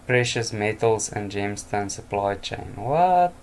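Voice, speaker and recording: A man's voice: lowish voice, fairly even intonation, measured pace, slight background noise. A tired, yawning man reading out headlines at night and adding offhand remarks and chuckles. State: exhausted, yawning. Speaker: news commentator. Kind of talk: casual news commentary from home.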